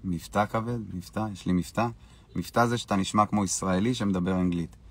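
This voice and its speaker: Man, live-stream host, very deep voice, gravelly, brash and boastful, casual chat. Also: fairly even intonation.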